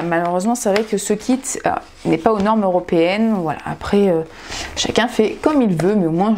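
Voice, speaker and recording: A woman's voice: mid-range voice, mellow. A young woman vlogger chatting casually as she unboxes and reviews nail products, gushing with enthusiasm. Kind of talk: casual haul unboxing vlog.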